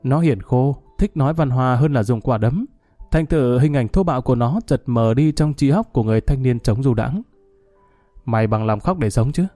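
Man narrating a story in a mellow voice. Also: mid-range voice, moderate pace, dry recording, soft background music.

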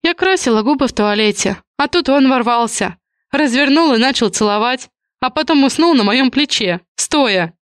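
A woman's voice: sits high, lively intonation, normal speed, smooth, no echo, clean studio sound, pitched above the performer's own voice. A woman voicing an anxious young woman who panics easily, in a read-aloud story. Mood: flustered.

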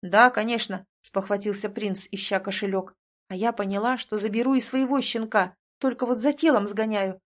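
Woman, audiobook narrator, first-person fantasy reading, lively delivery, mid-pitched voice. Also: moderate pace.

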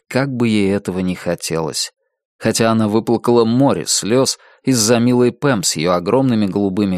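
Male audiobook narrator, mid-pitched, measured and expressive delivery, dry close-miked sound. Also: dry recording. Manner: measured, expressive reading that slows down for emphasis.

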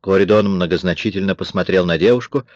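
A man narrating a crime novel audiobook in a steady, measured reading. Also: deep voice, no room sound. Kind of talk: scripted narration. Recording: dry, dull lo-fi recording.

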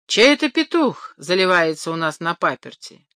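A woman's voice: lowish voice, big pitch swings, moderate pace, bright, forceful tone, no room sound, studio quality. A woman voicing a poor, grumbling church watchman in a storybook reading. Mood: curious.

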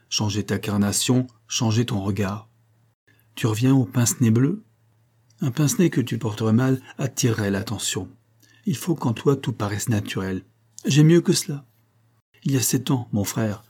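Man reading a jovial stage singer, husky low voice, expansive, commanding, dark tone. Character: jovial theatrical male opera singer friend.

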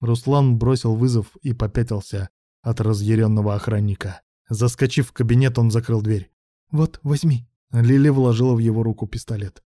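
A man narrates an audiobook in an even, measured style. His voice is very dark and mellow, recorded close and dry. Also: mid-range voice, no room sound. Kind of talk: scripted narration.

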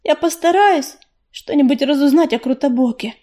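Gentle house-cat she-cat, read by a woman, high and mellow, soft and apologetic, audiobook. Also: moderate pace, lightly acted.

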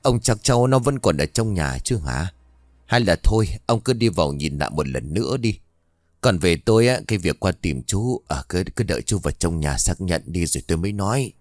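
A man voicing a stern, gruff older village man giving orders. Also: low-pitched, expressive, a little fast, no room sound, studio quality. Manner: gruff, commanding.

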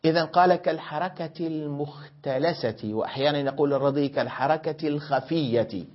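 A dull, lo-fi classroom recording captures a man with a slightly high voice teaching grammar a little fast. He asks his students questions and corrects them. To explain, he repeats and rephrases his points.

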